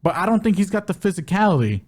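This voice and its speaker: A man with a fairly high voice chats through upcoming fights and bets. His delivery is casual and animated, with quick asides and frequent laughter. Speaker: podcast co-host. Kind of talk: casual sports betting chat.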